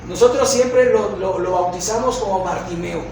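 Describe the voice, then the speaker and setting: A male pastor with a Mexican Spanish accent preaching a sermon, asking rhetorical questions and acting out shouts. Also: sits high, normal speed, slight background noise. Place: church sanctuary. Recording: echoey church hall from far off.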